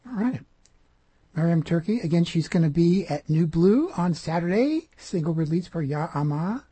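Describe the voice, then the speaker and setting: A woman's voice: fairly low pitch, animated, moderate pace, mellow, slightly rough, no echo. A woman hosting a radio interview, asking questions and giving short interjections. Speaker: radio host.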